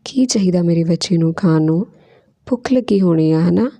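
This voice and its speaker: A woman voicing an affectionate young mother who talks earnestly, with a gravelly, mellow voice. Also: on the low side, moderate pace.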